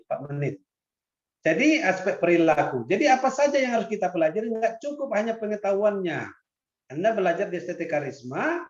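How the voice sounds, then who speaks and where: A man giving a casual classroom lecture, chatty, often laughing and asking rhetorical questions. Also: sits high. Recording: echoey, dull lo-fi room recording.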